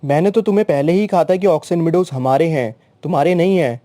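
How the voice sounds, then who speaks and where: A man voicing an anxious, stubborn young neighbor who shouts in arguments. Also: on the high side, fast, no room sound, natural voice. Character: anxious young male neighbor, touchy and hot-headed.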